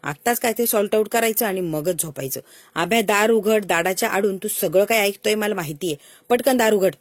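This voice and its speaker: Storybook retelling, woman doing a young husband, hot-headed, pleading, repeats phrases, husky, dry. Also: medium pitch, fairly quick, dry recording, close to an everyday voice.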